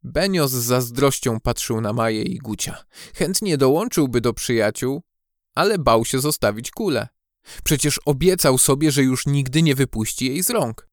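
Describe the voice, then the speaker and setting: A man narrating a children's storybook audiobook with expressive, measured storytelling on a close studio mic. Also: mid-range voice, dry recording.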